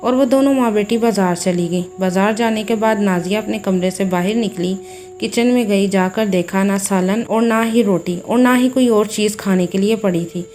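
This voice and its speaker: A woman narrating a family story in a steady, plain storytelling manner. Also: medium pitch, normal speed.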